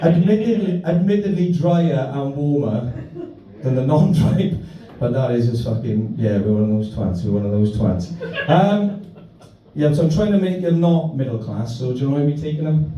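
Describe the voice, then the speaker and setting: Man, South Wales Valleys accent, stand-up storytelling, very dark mellow voice, very echoey distant venue recording. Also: fairly high pitch, lively intonation, normal speed. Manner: sweary, matey, self-deprecating. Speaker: stand-up comedian. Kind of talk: live stand-up comedy, anecdotal storytelling. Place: indoor live comedy venue. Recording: echoey venue, distant muffled mic, faint noise.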